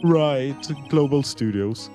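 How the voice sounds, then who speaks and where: A meek, earnest male actor, as a man plays him, explaining himself with small hesitations in a game fan dub. His voice sits at an ordinary middle pitch. Music plays clearly behind him. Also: slow, warm tone, natural voice. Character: mild, sheepish male actor suspect.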